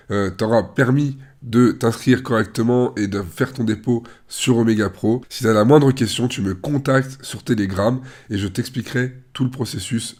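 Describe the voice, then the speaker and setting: A man with a rough, worn-out voice gives an informal step-by-step screen walkthrough, talking the viewer through each click. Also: fairly low pitch, darkish tone. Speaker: tutorial presenter.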